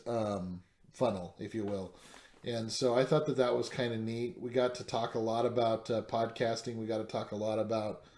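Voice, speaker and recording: A man's voice: mid-range voice, a little mellow. Chatty podcast host man, echoey room. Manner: rambling, lots of fillers and restarts, laughs easily. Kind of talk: casual podcast chat.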